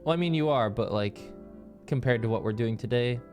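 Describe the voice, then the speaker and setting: A male streamer chatting at a desk mic, recapping the game for his chat. His pitch sits mid-range, but he swings it around, jumping into silly voices and sound effects. Faint music plays underneath. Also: a little fast, a little mellow.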